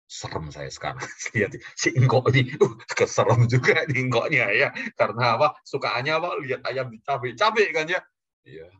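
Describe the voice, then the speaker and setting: A man preaching to a congregation, telling a story in a lively way with frequent chuckles. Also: medium pitch, normal speed, husky, muffled recording. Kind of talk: sermon storytelling.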